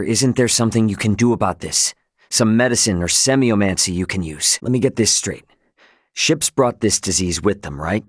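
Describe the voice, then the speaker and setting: In a clean studio recording with no room sound, an actor with a lowish voice plays a brash, loyal young spaceship captain in a video game. He uses an American accent and speaks in a casual, cocky, emphatic way.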